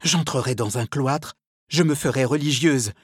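A man voicing a cornered young noblewoman villain, shrill and pleading in a storybook reading. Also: moderate pace, slightly rough, no room sound, clean studio sound, close to an everyday voice. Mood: desperate pleading.

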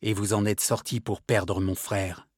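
A man voicing a grim male executioner in a storybook reading, slow and grave. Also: lowish voice, level tone, dry recording, clean studio sound.

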